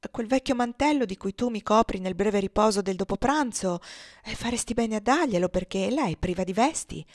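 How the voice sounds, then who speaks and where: A woman reading aloud plays a middle-aged senator who muses aloud and hesitates before he speaks. The voice dips a little lower than her narration, in a dry, close reading. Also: expressive, brisk, no room sound, lightly acted. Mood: musing. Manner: hesitant, musing. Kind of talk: audiobook reading.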